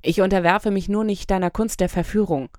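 A woman voicing a defensive, proud young man in an audiobook, with sharp, raised protests. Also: mid-range voice, fairly even intonation, brisk, no room sound, clean studio sound, lightly acted. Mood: indignant. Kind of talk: audiobook character voice.

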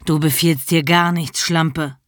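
A woman's voice: deep voice, fairly even intonation, a little slow, breathy edge, dry recording, studio quality. Woman reading as a bossy, commanding man. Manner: curt, bossy orders. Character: dominant, commanding adult man.

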